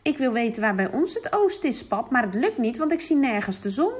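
A woman's voice: on the high side, sing-song, a little fast, slightly rough, voice pushed up. Woman voicing a curious little girl. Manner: eager, questioning.

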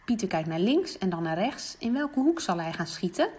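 A woman reads a children's story aloud in an even storytelling voice. She jumps up high and loud whenever the children in the tale call out. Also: moderate pace, background noise. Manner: lively, voicing the children with bright high calls.

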